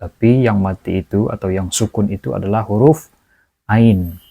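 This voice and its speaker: A man teaching correct Quran pronunciation, moving between slow chanted recitation and brisk explanation. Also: lowish voice, gravelly, slightly rough, no echo, narrow, tinny audio. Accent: Indonesian. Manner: alternates slow melodic chanted recitation with quick spoken explanation.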